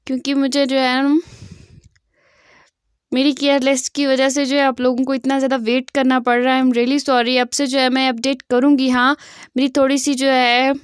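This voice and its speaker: A woman's voice: high-pitched, level tone, moderate pace, clean tone, no room sound, studio quality. A woman retelling a fan fiction story in a chatty, casual way, full of fillers.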